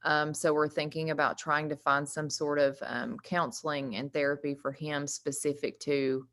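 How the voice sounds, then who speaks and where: A woman's voice: deep voice, little pitch movement, moderate pace, a bit bright. A woman with a Southern US drawl, giving an informal presentation as director of a recovery program in an earnest, emphatic way. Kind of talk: informal presentation on an online meeting.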